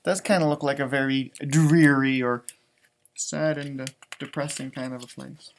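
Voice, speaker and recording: In a creaky, mid-range voice at a moderate pace, a man acts as a teacher reading a storybook aloud to children. He reads with expression and offers informal, simple explanations of the words and pictures. There's slight background noise.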